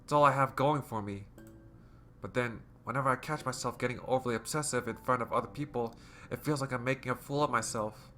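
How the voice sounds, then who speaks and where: A man reading the hesitant, halting confession of a shy, self-loathing teenage girl from a game. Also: mid-range voice, a bit bright, soft background music, natural voice. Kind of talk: reading game dialogue aloud.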